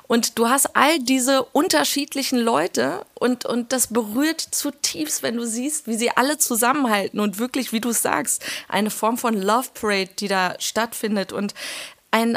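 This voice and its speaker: A young woman with a somewhat high voice, co-hosting a relaxed political talk. She speaks earnestly and with feeling, in long unbroken runs. Her voice sounds close and dry, with no room around it. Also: no room sound. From Iran. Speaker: podcast co-host. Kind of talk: casual political chat.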